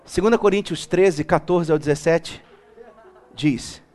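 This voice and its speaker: A man preaching a lively church sermon as bishop, calling the congregation to repeat after him and building up to shouts. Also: fairly high pitch, unhurried. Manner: animated, rising to shouts, calls congregation to repeat.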